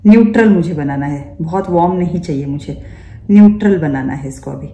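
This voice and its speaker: A woman's voice: deep voice, fairly quick, dark tone, muffled recording. A woman running a makeup class, who explains each step and often asks her students rhetorical questions. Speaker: makeup teacher. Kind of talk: instructional demonstration. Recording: echoey room.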